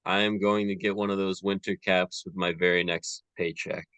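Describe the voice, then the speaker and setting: A man's voice: deep voice, normal speed, smooth, dry recording. A man hosting a podcast, chatting casually and rambling a little with plenty of fillers. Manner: relaxed, rambling, many fillers. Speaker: podcast host.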